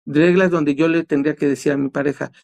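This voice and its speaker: A man's voice: fairly high pitch, steady tone, fast, creaky, darkish tone. Man explaining with rhetorical questions. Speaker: guest therapist. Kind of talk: casual talk show discussion.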